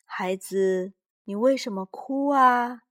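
A woman voicing a gentle, lonely old man. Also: a little high, slow pace.

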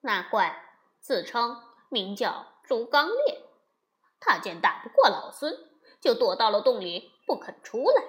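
A woman voicing a cocky male monkey king, boastful and scolding, in a lower, louder voice than her narration. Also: sing-song, a little slow.

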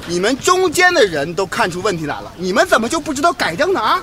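A man's voice: very high voice, wildly swooping pitch, fast talker, exaggerated voice. A man playing a stern, mocking drill instructor in a comedy skit, barking out drill commands and scolding. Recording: loud music and crowd noise behind.

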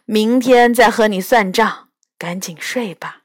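A woman reading a storybook aloud, voicing a caring mother who scolds gently. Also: medium pitch, measured pace, dry recording, close to an everyday voice. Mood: gentle.

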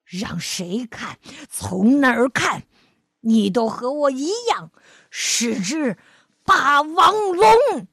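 A woman's voice: high-pitched, big pitch swings, slow pace, creaky, a bit bright, breathy edge, no room sound, studio quality, voice pushed up, full character voice. A woman voicing an adult male tyrannosaur who speaks in an insistent, emphatic way, in a spoken storybook.

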